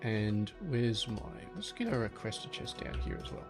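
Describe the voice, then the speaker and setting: A gaming channel host gives relaxed gameplay commentary over soft music, thinking aloud as he plans and talking to things in the game. His voice is fairly low and his pace moderate.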